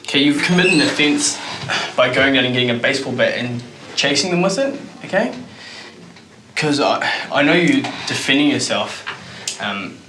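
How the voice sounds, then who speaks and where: A man's voice: medium pitch, animated, moderate pace. A male police officer with a New Zealand accent, informally questioning and explaining in plain words. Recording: echoey room, faint noise.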